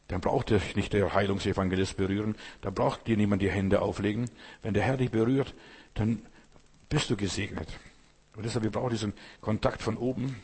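A man preaching a sermon in a low, husky voice, speaking straight to each listener. He repeats phrases and lets slow, emphatic pauses hang. His words ring out with the long reverb of a hall. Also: darkish tone.

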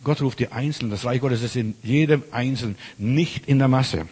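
Male pastor, mid-pitch husky voice, fervent informal sermon, long hall reverb. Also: normal speed, a little mellow. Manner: addresses listener as du, emphatic preaching.

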